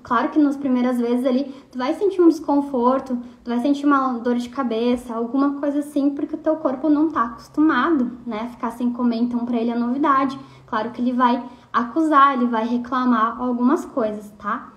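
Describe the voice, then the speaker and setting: High-voiced chatty woman nutritionist, roomy echo. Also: fairly even intonation, a little fast, hardly any pauses. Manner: chatty, frequent tag questions and fillers. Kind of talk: casual explanatory talk.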